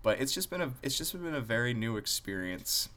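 A man's voice: medium pitch, very animated, a little fast, bright, forceful tone, slight background noise. A young man, a college student, chatting casually and rambling with lots of filler words. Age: young adult. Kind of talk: casual chat.

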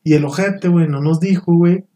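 A man's voice: on the high side, fairly even intonation, fairly quick, mellow. Young Mexican man, slangy and raised. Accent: Mexican Spanish. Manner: slangy, says "güey" constantly. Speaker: podcast guest. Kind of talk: casual storytelling chat.

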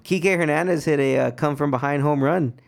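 A man's voice: on the high side, a little fast, vocal fry. A young American man chatting casually about sports as a podcast co-host, in a slangy, laid-back frat-bro manner.

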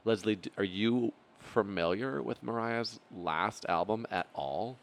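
A man's voice: a little slow, gravelly. A young man co-hosting a casual pop music chat, playful and prone to breaking into sung bits. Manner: playful, bursts into falsetto singing. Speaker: podcast co-host.

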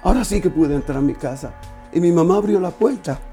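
A man sharing an emotional personal testimony, telling it in an earnest, halting way with many restarts. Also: sits high, animated, dark tone, faint music behind.

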